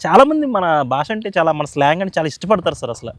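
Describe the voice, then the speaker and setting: A man interviewing a guest, with a Godavari Telugu accent, warm and full of praise, calling him sir often. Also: on the high side, very animated, fast talker, no echo, studio quality. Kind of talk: casual interview questions.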